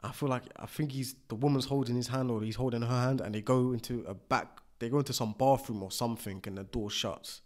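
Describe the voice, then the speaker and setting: A man's voice: medium pitch, steady tone, a little fast, hardly any pauses. A man, co-hosting a podcast in casual, slangy, joking chat. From United Kingdom. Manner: laid-back, slangy, joking. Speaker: podcast co-host.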